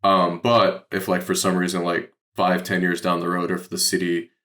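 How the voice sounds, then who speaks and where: His voice sits low yet sounds bright and forceful, with a monotone delivery at a moderate pace. He's an American podcast guest from Detroit, Michigan, working in real estate investing, and he explains things in a loose, meandering way heavy on fillers like "like."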